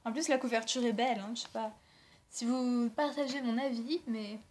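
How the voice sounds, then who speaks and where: A woman's voice: a little high, steady tone, normal speed. A young woman from France chatting casually about books she received and bought, rambling with lots of fillers and self-corrections. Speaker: book blogger. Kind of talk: casual book haul vlog.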